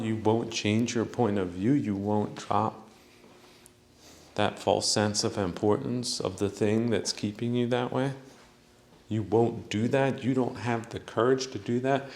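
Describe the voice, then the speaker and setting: Slow, scolding man in an echoey room. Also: medium pitch, a little mellow. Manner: scolding, mocking, preachy with laughs. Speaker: podcast host. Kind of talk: spiritual monologue.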